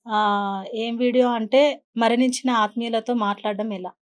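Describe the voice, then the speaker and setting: A woman's voice: a little high, steady tone, normal speed. A woman guest on an interview show, earnestly telling a personal story and mixing in English words. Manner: earnest, mixes English words into her speech.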